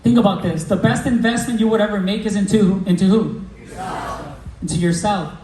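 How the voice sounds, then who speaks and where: A man giving a motivational stage talk to a live audience, slangy and energetic, telling stories and quizzing the crowd. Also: high-pitched, fast. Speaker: business coach speaking at a recruiting meeting. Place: event hall with a live audience. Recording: roomy hall, mic from a distance, faint background noise.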